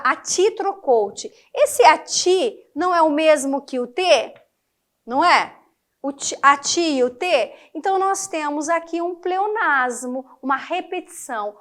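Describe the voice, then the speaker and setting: High-voiced Brazilian woman teaching a class. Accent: Brazilian Portuguese. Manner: lively, emphatic, checks in with listeners often. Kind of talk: classroom lecture on figures of speech.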